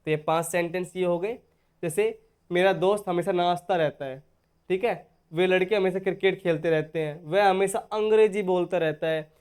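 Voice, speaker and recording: Guy teaching english online, high voice, super smooth, keeps asking students "okay?". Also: darkish tone. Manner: explains step by step, often checking in with "okay?"; addresses viewers as dear students. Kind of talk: online spoken-English lesson.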